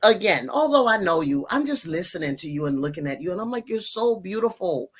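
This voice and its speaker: A woman's voice: fairly low pitch, lively intonation, fairly quick, husky. A woman hosting an interview show, prompting her guest in a playful, teasing and encouraging way. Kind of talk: interview, casual chat.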